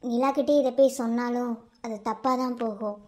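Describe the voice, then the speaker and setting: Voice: mid-range voice, steady tone, fairly quick, a little mellow, pitched below the performer's own voice, natural voice. A performer voicing a polite, hesitant young man with a Madurai Tamil accent.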